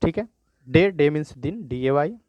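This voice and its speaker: A man teaching a children's spelling lesson, slowly spelling words letter by letter and often checking in with "thik hai". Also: a little high, animated, darkish tone, dry recording, muffled recording.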